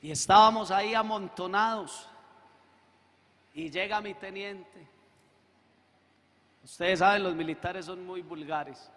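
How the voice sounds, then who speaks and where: A man preaching a testimony in church, acting out the voices in his story and rising to shouts. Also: sits high, slow pace, pauses often. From Colombia. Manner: acts out quoted dialogue, swells to shouting. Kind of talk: sermon testimony. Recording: echoey hall with long reverb.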